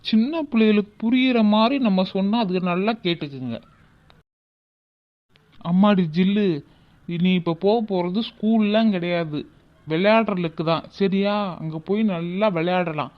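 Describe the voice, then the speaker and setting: A man playing a gentle father, soothing his daughter and gently chiding his wife. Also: sits high, moderate pace, muffled recording, natural voice.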